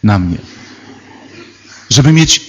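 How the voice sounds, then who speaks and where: A man's voice: fairly low pitch, very animated, slow pace, a bit bright, breathy edge, big-room sound. Priest guy giving a sermon, ironic and playful, acts out people mid-story.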